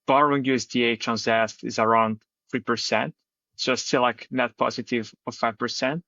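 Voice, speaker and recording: A man's voice: medium pitch, steady tone, normal speed, pushed and bright, no echo. A man on a choppy, robotic-sounding internet connection, explaining finance strategies step by step as a guest on a live audio show. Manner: methodical step-by-step explanation with frequent "like". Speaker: guest from a crypto staking project. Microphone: remote call connection. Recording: dull, lo-fi, dry call audio.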